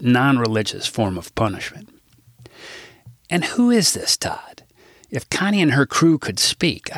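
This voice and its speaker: Bright-voiced man reading his comic book. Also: mid-range voice, no echo, clean studio sound. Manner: wry, irreverent asides to the listener. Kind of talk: comic audiobook narration.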